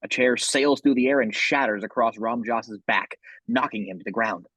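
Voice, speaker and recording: A man with a husky voice reading scripted horror narration, describing the action scene by scene. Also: medium pitch, normal speed, fairly bright tone, dry recording, low-quality recording.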